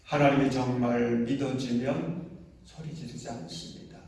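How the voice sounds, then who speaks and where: A man's voice: medium pitch, fairly even intonation, moderate pace, a little mellow. A middle-aged man preaching a sermon as senior pastor, emphatic and often rising to exhortations and questions to the congregation. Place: large church sanctuary. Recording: echoey church hall, mic from far off.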